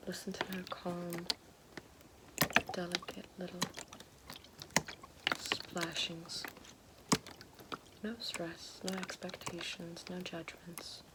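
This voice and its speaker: In an ASMR roleplay, a woman voices a calm, gentle witch guiding the elements, whispering softly into a close binaural-style mic. Her hush is low, flat, and unhurried, soothing as she repeats gentle praise over and over, while a steady hiss sits clearly behind her.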